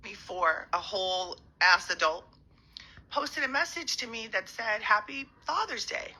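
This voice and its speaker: A woman's voice: mid-range voice, lively intonation, measured pace, pushed and bright, rough recording. A woman who has just woken up, talking to her followers on a handheld phone in a rambling, hesitant way with many ums. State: just woke up, a little winded. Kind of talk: casual morning phone livestream.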